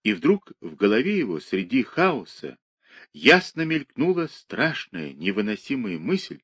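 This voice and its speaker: A man narrating a literary audiobook with an expressive, dramatic reading. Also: medium pitch, measured pace, breathy edge, no room sound.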